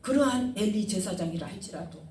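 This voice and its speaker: A woman's voice: medium pitch, animated, brisk, darkish tone, echoey room, distant mic. A woman pastor preaching a sermon, asking the congregation questions and retelling scenes with feeling. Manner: call-and-response questioning, dramatic retelling.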